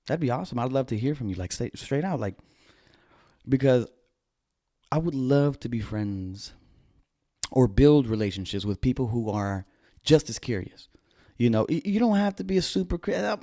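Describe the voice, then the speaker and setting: A man in his thirties casually telling his viewers a story, animated, with gasps, restarts and trailing phrases. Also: mid-range voice. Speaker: vlogger.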